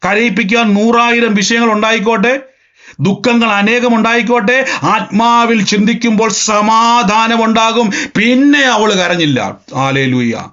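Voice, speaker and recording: A man's voice: high-pitched, a little slow, sharp tone. A man preaching a sermon emphatically, repeating phrases and acting out scenes. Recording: dull lo-fi sound.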